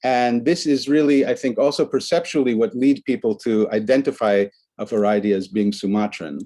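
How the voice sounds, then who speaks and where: A man's voice: mid-range voice, normal speed, dark tone. A man giving an academic conference presentation, explaining the examples on his slides one by one.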